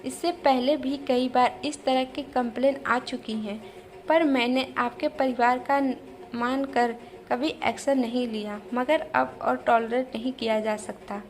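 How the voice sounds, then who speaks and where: A woman's voice: high-pitched, steady tone, a little slow. Stern male principal, voiced by a woman. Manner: strict, commanding.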